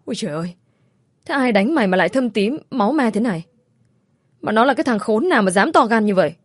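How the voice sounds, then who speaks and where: A woman voicing a shrill, scolding older mother-in-law who shouts at her family. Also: lively intonation, fast talker, no echo, studio quality.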